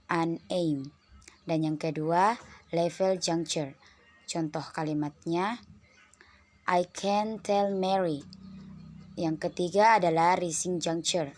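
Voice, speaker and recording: A young woman presenting a phonology lesson as a student, reading steadily and slowing down on English example words. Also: low voice, darkish tone.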